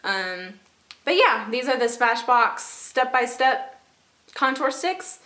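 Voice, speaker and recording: Gushing over her favorite makeup with lots of fillers and repeated compliments, a young beauty vlogger talks casually in a stuffy, congested voice. She sounds on the high side, very animated and sharp in tone, taking her time.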